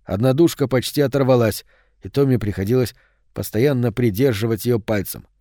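Мужчина читает аудиокнигу ровным повествовательным голосом средней высоты. Запись сухая, близкая, без отзвука комнаты. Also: male voice, medium pitch, normal speed, no room sound, clean studio sound. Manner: steady storytelling. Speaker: audiobook narrator. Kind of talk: scripted audiobook narration.

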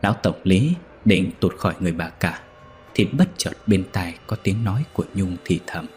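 A man reading a ghost story aloud in a steady, measured way. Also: sits low.

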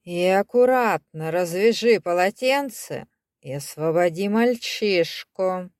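A woman's voice: lowish voice, expressive, slow, darkish tone, no room sound, clean studio sound. A woman voicing a cruel, scheming German baron who talks in a sneering, menacing way, read in an audiobook.

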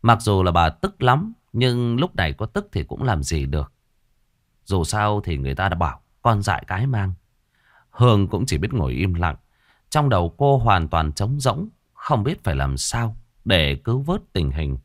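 A man narrating a horror story, dramatic and expressive. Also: deep voice, normal speed, dry recording, clean studio sound.

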